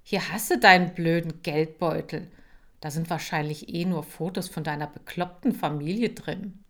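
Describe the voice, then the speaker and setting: A woman's voice: low voice, moderate pace. A woman voicing a cocky, cheating schoolboy bully who taunts and sneers. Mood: angry.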